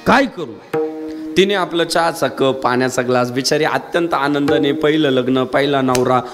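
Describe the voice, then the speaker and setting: A man preaching a humorous kirtan sermon, telling a story and swinging his voice low and high to act out the people in it. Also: fairly even intonation, moderate pace, music in the background. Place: live kirtan gathering.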